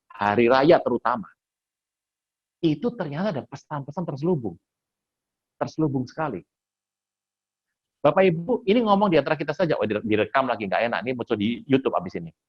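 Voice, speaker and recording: Male Indonesian pastor, conversational sermon, animated storyteller, slightly muffled sound. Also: mid-range voice, fairly quick, pauses often, slightly rough. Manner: animated storytelling, acts out quoted voices; colloquial, jokes with the congregation.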